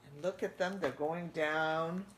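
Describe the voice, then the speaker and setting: A deep-voiced woman reads a children's storybook in a church at a measured pace, expressive and stopping to put questions to the young audience. There is a little hiss or hum in the background.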